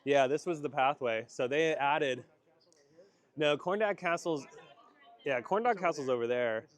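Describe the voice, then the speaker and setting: A man's voice: on the high side, unhurried. Goofy man vlogging in a theme park. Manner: goofy, joking and rambling. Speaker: vlog host. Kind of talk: casual theme park vlog. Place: outdoors in a theme park at night.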